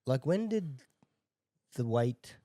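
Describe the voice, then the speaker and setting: A man's voice: medium pitch, sing-song, takes it slowly, dark tone, no echo, clean studio sound. A man hosting a podcast in a casual, joking and teasing way. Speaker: podcast host. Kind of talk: casual chat.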